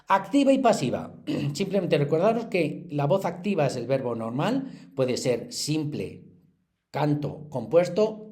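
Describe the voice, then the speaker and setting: A middle-aged man leads a lesson review, his voice mellow and warm and pitched a little high. He explains patiently and recites examples in a sing-song list. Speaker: teacher.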